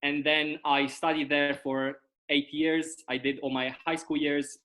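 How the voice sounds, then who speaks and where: A young Romanian man joins a casual video-call interview as a guest and explains things at length, often checking in with "right?" and "okay?". His voice is fairly high and a bit bright, with flat delivery and a measured pace, and the recording is rough.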